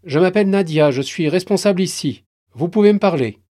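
A man's voice: sits high, brisk, mellow, pitched above the performer's own voice. A man voicing a female branch manager in her fifties, soothing and careful. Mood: placating.

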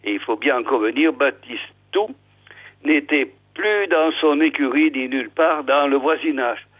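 A man's voice: mid-range voice, measured pace. Man telling a folksy tale over a phone-like line. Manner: chatty, addresses listeners directly. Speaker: storyteller. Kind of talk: folksy oral storytelling. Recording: tinny phone-like old recording.

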